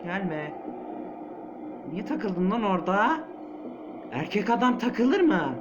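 A man's voice: sits high, very animated, a little slow, noisy background. A man commentating a horror game as he plays, jumpy and panicky, muttering to himself and yelping. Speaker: gamer playing a horror game. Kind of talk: let's-play commentary. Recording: muffled lo-fi with loud game ambience.

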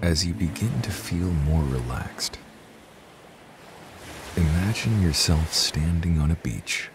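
A man narrating a guided sleep meditation in a soft, hushed, soothing voice that at times drops to a whisper. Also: low-pitched, animated, takes it slowly. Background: new-age music and ocean waves.

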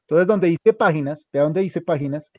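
A man's voice: a little high, moderate pace, no echo. A man teaching a hands-on computer class, giving directions step by step and repeating them often. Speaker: instructor. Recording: dull lo-fi recording.

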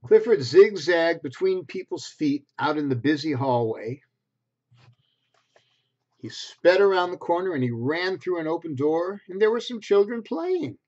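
An unhurried man in his sixties with a fairly high-pitched voice reads a picture book aloud to preschoolers. He keeps things expressive and simply worded, with little asides for the children. The dull, lo-fi audio comes from a computer webcam at desk distance in a small bedroom at home.

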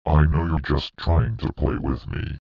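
A synthetic male voice plays a menacing stick-figure computer demon, delivering flat, threatening ultimatums in a deep, robotic, demonic text-to-speech tone. It's a little slow, gravelly and heavily acted, with the highs cut off and loud music behind it.

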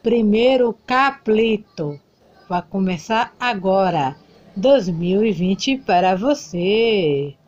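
Slow woman narrating a doll play. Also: mid-range voice, animated, darkish tone, muffled recording. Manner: slow, announcing. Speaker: narrator of a doll soap opera.

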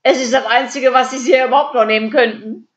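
A woman's voice: high-pitched, steady tone, a little fast, reverberant, muffled recording, pitched above the performer's own voice, close to an everyday voice. A woman reading a comic story, voicing Käthe, a whiny older woman with a quacking voice who has been robbed bare. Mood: mock-generous.

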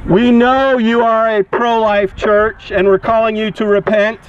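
This street preacher's voice is high, flat and a little slow as he declaims accusingly in short, projected bursts through a megaphone at an open-air protest. He stands by a walkway and car park, recorded on an action camera next to the megaphone, with dull megaphone tone, outdoor noise and passing cars.

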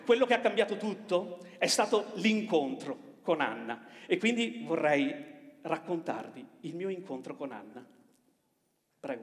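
A middle-aged man telling a personal story on a theatre stage, speaking tenderly and haltingly with small restarts. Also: high-pitched, fairly bright tone. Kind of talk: monologue with musical accompaniment. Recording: theatre reverb, music behind.

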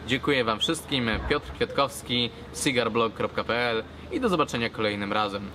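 A man in his thirties from Poland talks casually to camera as a vlogger, with a hesitant, halting delivery, recorded outdoors. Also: mid-range voice, lively intonation. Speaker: cigar blogger, vlogger. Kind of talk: casual vlog talk to camera. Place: outdoors at a garden table by a brick wall. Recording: clear outdoor urban background noise.

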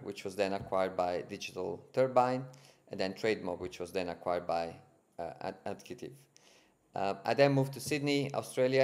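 A man in his thirties with an Italian accent and a lowish, slightly mellow voice explains his business as a guest on a video-call podcast. The ad tech co-founder from Italy is fluent but uses many fillers and repeated words, speaking through a headset from a room at home.

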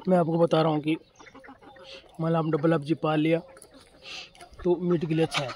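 Standing on his farm among the chickens, this man from Rajasthan talks to the camera at a normal pace, his voice a little high, a little mellow, and with little pitch movement. His vlog is casual and explanatory, delivered plainly and with lots of repetition, while chickens cluck over faint background noise.

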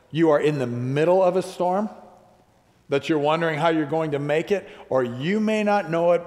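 A man's voice: fairly high pitch, darkish tone. A male pastor delivering a sermon, building to emphatic repeated calls to the congregation. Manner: preaching with rising emphatic repetitions. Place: church sanctuary. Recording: long church hall reverb.

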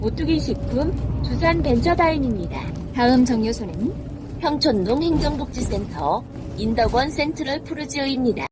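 Heard through the speakers of a moving bus, this is a scripted transit announcement of bus stops read by a woman in a formal, precise manner. She sits high in pitch, sounds animated, and keeps a moderate pace. Loud vehicle and road noise fill the noisy recording.

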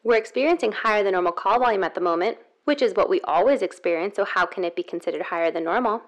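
A woman's voice: mid-range voice, fast, natural voice. Woman acting a polite automated customer service voice. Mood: blandly polite. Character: automated customer service phone menu woman, blandly polite yet rude. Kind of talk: comedy sketch phone announcement.

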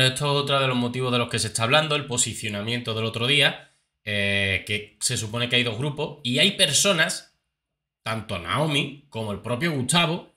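Chatty male commentator, bright voice. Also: medium pitch. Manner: chatty, full of fillers and repeats, explains clips. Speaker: YouTube reality-show commentator. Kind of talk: casual commentary.

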